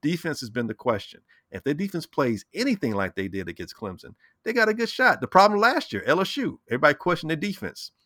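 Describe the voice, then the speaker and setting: Bright-voiced man in animated sports chat. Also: on the high side, quick pace, hardly any pauses, no room sound, studio quality. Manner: animated, repeats words, acts out quotes. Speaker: sports talk co-host.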